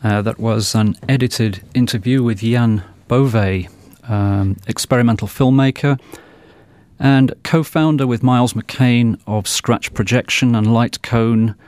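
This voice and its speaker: A man with a lowish voice speaks as a presenter. His delivery is plain and informational, and the sound is dry, with no room around it. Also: a little mellow, no room sound. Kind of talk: spoken outro to an interview.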